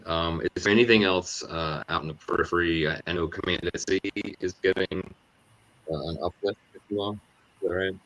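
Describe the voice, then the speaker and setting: A man hosting a casual chat over an online call, his mic crackling and breaking up as he talks haltingly. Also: deep voice, fairly even intonation, fairly bright tone. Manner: halting, many fillers and restarts. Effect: crackling distorted mic. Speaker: host. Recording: dull lo-fi crackling call audio.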